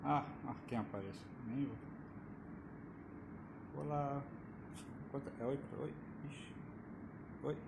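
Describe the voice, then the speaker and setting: A man's voice: mid-range voice, takes it slowly, vocal fry, long pauses. Man chatting on a phone live stream. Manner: greets viewers, checks sound, varies loudness by distance. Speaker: doctor hosting a live stream. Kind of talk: casual live-stream chat. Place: room with air conditioning. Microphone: phone camera. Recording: roomy phone recording with faint room noise. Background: air conditioner hum.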